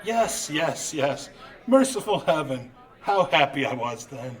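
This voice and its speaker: A man's voice: a little high, very animated, measured pace. A man playing an anxious, wistful old miser in old-time radio drama style, stammering and exclaiming. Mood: delighted, nostalgic.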